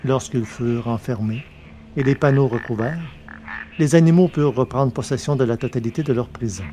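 In a measured, literary, audiobook-like delivery, a man reads scripted science-fiction narration. His mid-range voice is mellow, and there's slight background noise.

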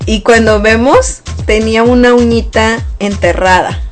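A woman hosting a radio show, telling stories in a lively way with frequent laughs. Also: a little high, measured pace, faint music behind. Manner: lively storyteller, laughs often. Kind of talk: casual radio chat.

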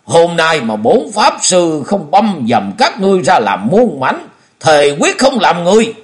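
A man voicing a furious, one-armed old villain monk who shouts his threats through gritted teeth. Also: fairly high pitch, huge pitch swings, measured pace, voice pushed up. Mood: enraged.

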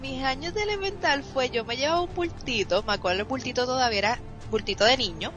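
A woman in her thirties from Puerto Rico with a Puerto Rican Spanish accent, a streamer telling her life story as an interview guest, lively and mixing in English words. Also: sits high, fast talker. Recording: dull lo-fi sound with faint music.

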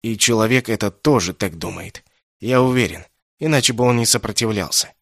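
A man's voice: lowish voice, brisk, creaky, fairly bright tone, no echo, clean studio sound. A man voicing a stubborn, mocking young male captive in an audiobook, answering with insolent defiance. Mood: defiant. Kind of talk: audiobook character reading.

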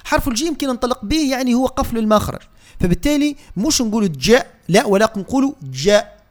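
A man with a Tunisian Arabic accent gives a radio lesson on Quran recitation in a high voice. He explains each rule in plain talk, then stretches the verses out slowly and repeats single sounds for his listeners. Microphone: radio studio mic.

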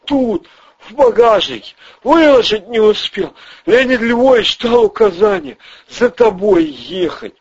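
A man voicing a panicky, pleading red-haired male small-time crook, whiny and shrill. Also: sing-song, measured pace, creaky, slightly rough, exaggerated voice. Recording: dull lo-fi audio.

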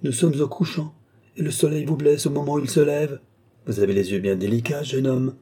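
A man's voice: medium pitch, a little fast, dark tone, husky, pitched above the performer's own voice, natural voice. A man voicing a suspicious, touchy older male philosopher in an audiobook, hurling accusations and lamenting his betrayals. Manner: accusing, self-pitying outbursts.

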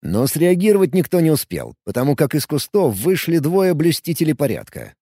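A male audiobook narrator telling a first-person story with a lively, swinging delivery. His voice is mellow and darkish, and the sound is dry and close to the mic. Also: a little high, moderate pace, slightly rough, no echo.

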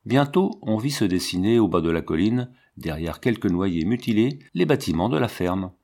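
Man with a low, measured reading voice. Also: expressive, darkish tone. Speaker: audiobook narrator. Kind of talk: scripted storybook narration.

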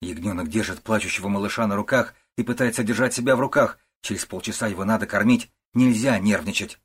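Male audiobook narrator, low and husky, steady storytelling. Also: quick pace. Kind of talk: scripted narration.

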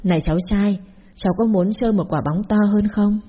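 A woman's voice: mid-range voice, brisk, slightly rough, lo-fi sound, lightly acted. A woman voicing a shifty male stranger who coaxes and stammers in a storybook tale. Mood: coaxing. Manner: wheedling, stammering.

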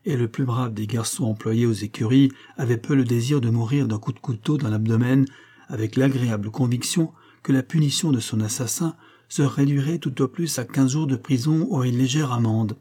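Husky, dark-voiced male narrator. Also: mid-range voice. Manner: measured storytelling delivery. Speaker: audiobook narrator. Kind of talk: scripted literary narration.

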